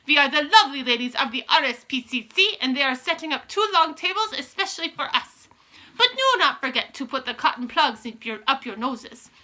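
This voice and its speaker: Woman playing the Grand High Witch, shrill and imperious. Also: very animated, brisk, pushed and bright, heavily acted, low-quality recording. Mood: commanding. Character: screeching imperious female witch leader.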